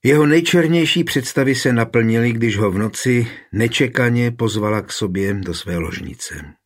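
A man narrating a historical novel as an audiobook in a calm, measured way. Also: medium pitch.

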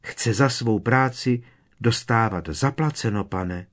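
A man voicing a tiny, servile female house-elf with a squeaky, trembling voice, reading a storybook. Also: a bit bright. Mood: worried. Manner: fearful, deferential, keeps saying sir.

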